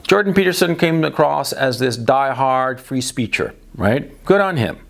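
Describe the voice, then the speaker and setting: Man, gravelly voice, mid-range pitch, blunt and emphatic, opinion monologue, lots of restarts and "right?". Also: lively intonation, unhurried. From Chile and the United States. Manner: emphatic, blunt, repeats for stress; speech full of restarts and tag questions. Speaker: political commentator.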